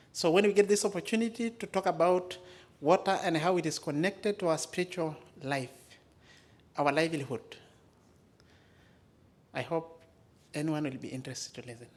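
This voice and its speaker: Speaking as a community storyteller, this Maa-speaking man from Maasai country in Kenya and Tanzania uses brief, weighty, carefully placed phrases. He has an East African accent and a rather high voice.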